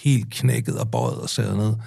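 Gravelly man swearing through a story. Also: fairly low pitch, big pitch swings, dark tone, no echo, studio quality. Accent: Danish. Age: 40s. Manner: swearing, rambling anecdote with many fillers. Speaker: podcast guest. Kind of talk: casual storytelling.

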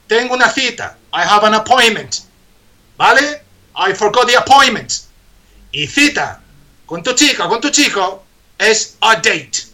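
A man with a Spain Spanish accent teaching English phrases on a live radio show. He repeats each phrase slowly and tags his lines with quick checks for understanding. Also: high-pitched, lively intonation, pushed and bright.

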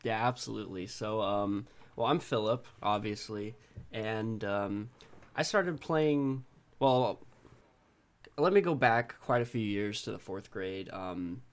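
A man's voice: lowish voice, slow. A young man from Texas co-hosting a podcast, telling personal stories in an informal, laid-back way. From Texas, United States. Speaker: podcast co-host. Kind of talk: casual personal storytelling.

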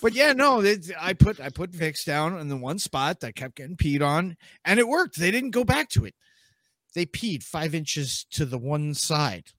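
A man's voice: on the high side, very animated, moderate pace, a bit bright, no room sound. A man co-hosting a podcast with casual anecdotes and banter, blunt and heavy on the swearing. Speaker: podcast co-host.

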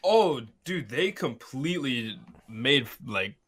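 Excitable blunt man, bright voice. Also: mid-range voice, slow pace. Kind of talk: casual chat.

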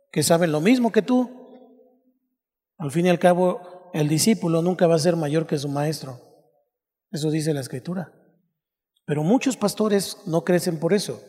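A man's voice: high voice, dark tone, in a large hall. A male pastor teaching a sermon, explaining step by step and asking his listeners rhetorical questions.

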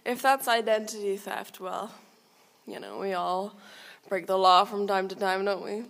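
A young woman co-hosting a casual podcast chat, joking in a sarcastic, deadpan way. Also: medium pitch, a little slow, vocal fry. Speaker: podcast co-host.

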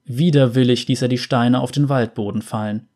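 A man narrating a fantasy story in a calm, measured way. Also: mid-range voice.

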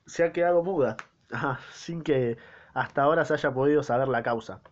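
Argentine man reading as an anxious old father, formal, mid-pitched, dull lo-fi recording. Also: a little fast, natural voice. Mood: earnest. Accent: Argentine Spanish. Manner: formal, earnest. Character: worried wealthy old father.

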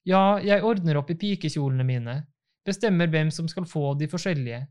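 A man's voice: a little high, lively intonation, darkish tone, clear, resonant tone, close to an everyday voice. A man reading the part of an anxious, loving young bride in an audiobook.

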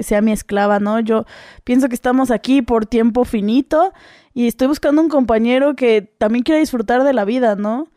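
A woman's voice: on the high side, mellow, no room sound, studio quality. Frank woman in casual chat. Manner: laughs often, frank, reflective.

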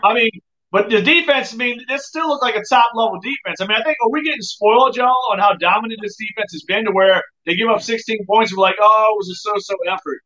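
A high-pitched man with a bright, sharp voice talks sports over a call. His sound is robotic and tunnel-like, as if through a phone or headset mic. It has thin, lo-fi quality. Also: quick pace. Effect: robotic, tunnel-like phone-call audio. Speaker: sports podcast co-host.

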